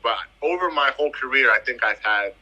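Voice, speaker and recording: A man in his thirties, a footballer from the US Virgin Islands, tells his career story in an informal interview, emphatic and prone to repeating himself. He talks a little fast, with lively intonation and a sharp tone at medium pitch. The sound is lo-fi.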